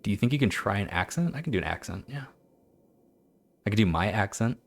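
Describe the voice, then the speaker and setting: A man streaming a game, chatting and reading old-style text aloud in a halting, stumbling way, laughing at himself. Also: fairly low pitch, expressive, vocal fry. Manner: self-mocking, laughs often. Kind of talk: let's-play commentary with reading aloud.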